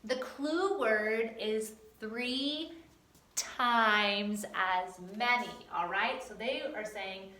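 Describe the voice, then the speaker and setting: Playful high-voiced woman teacher. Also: drawn-out words, sharp tone. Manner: playful, chatty, bursts into silly catchphrases. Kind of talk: recorded homework lesson. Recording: echoey room.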